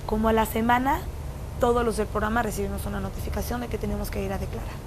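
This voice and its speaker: A woman in a documentary interview, telling a memory in an animated way and acting out the dialogue. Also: mid-range voice, rapid-fire. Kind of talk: recounting a personal memory. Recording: noisy interview recording.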